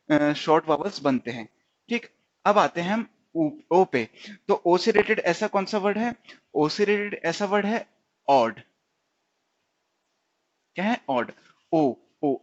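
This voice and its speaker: A man teaching stenography in a recorded tutorial, often repeating words and quizzing himself. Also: sits high. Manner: repeats and quizzes himself, frequent "theek hai". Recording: dull lo-fi recording.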